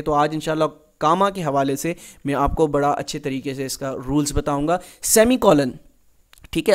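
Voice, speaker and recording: A man giving a recorded grammar lecture, reading English examples slowly and explaining in Urdu-Hindi with frequent check-ins. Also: on the high side. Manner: repeats "theek hai" often as a check-in. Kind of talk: recorded exam-prep lecture.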